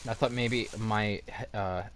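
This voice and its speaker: A man's voice: fairly low pitch, steady tone, unhurried, background noise. Rambling male game streamer. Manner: rambling, full of fillers and restarts. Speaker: livestream gamer host. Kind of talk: casual gameplay commentary. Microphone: gaming headset.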